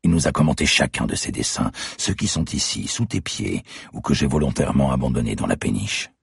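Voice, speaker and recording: Voicing a cold young masked killer, a male audiobook reader taunts a captive in a very deep, gravelly, husky and exaggerated voice. The delivery is slow, deliberate and expressive, sneering at every word in a taunting mood. The recording is close and dry, with no room sound.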